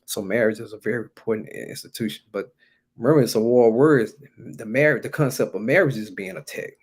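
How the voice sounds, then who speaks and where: An American man with a husky, medium-pitched voice preaches fairly quickly in an informal, conversational way. He exhorts his listeners, putting weight on key phrases and repeating them.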